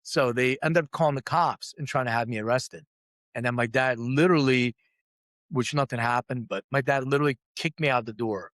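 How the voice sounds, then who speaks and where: As an interview guest, a middle-aged CEO, born in Lithuania and raised in Philadelphia, narrates his life frankly and with self-deprecating humor, acting out quoted voices. His mid-range voice is a little fast and a bit bright, in a dry recording.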